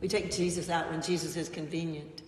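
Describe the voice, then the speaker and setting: A woman's voice: low-pitched, little pitch movement, slight background noise. Reflective woman preaching in an echoey church. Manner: gentle, reflective, pausing often. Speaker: pastor. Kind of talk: sermon. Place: church sanctuary. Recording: echoey church, mic far off.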